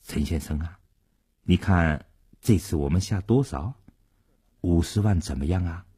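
A male storyteller voicing a rich, cautious male tycoon at the card table, speaking in a low, drawn-out, coaxing way. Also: expressive, a little mellow. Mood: eager.

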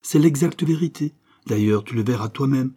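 A man playing a curt, irritated young brother in a read novel, answering in brief, gruff words. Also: mid-range voice, moderate pace, mellow, voice pushed up, close to an everyday voice.

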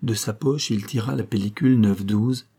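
A man narrating a detective novel audiobook in a steady, even storytelling manner. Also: lowish voice, normal speed, husky.

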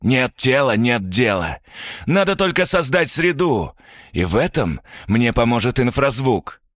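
A man voicing a cynical, arrogant young male villain inventor who mocks his captives in a slow, menacing drawl. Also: medium pitch, very animated, no room sound, clean studio sound, pitched above the performer's own voice. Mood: smug. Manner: gloating, mocking, drawn-out menacing delivery.

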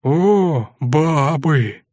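A man's voice: on the high side, animated, extremely slow, a little mellow, no echo, voice pushed up. A dim, cowardly young soldier, voiced by a male audiobook narrator. He whines and stammers in a lifted, tearful voice. The sound is dry and close. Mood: excited.

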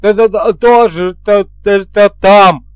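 A man doing a loud stammering young soldier. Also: high-pitched, takes it slowly, clear, resonant tone, no room sound, soft background music, pitched above the performer's own voice. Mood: eager. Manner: heavy stutter, loud and flustered.

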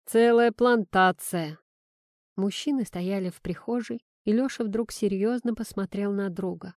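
Woman narrator, mid pitch, even storytelling read, close dry recording. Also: moderate pace, no echo. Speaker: audiobook narrator. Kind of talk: scripted narration.

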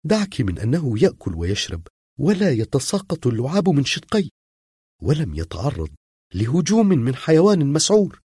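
A calm male vet speaks in a lifted, lively voice, as a man reading the story puts him on, reassuring with a dry, sarcastic edge. The voice is husky and close. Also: on the high side, brisk, dry recording, voice pushed up, exaggerated voice. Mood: wry. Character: calm, wry male veterinarian. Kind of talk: audiobook reading.

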